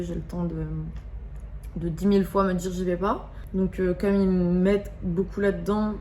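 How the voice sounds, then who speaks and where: A woman's voice: medium pitch, a little mellow, slight background noise. A young woman vlogging at home, talking casually and candidly in slangy speech, openly irritated. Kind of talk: casual confessional vlog.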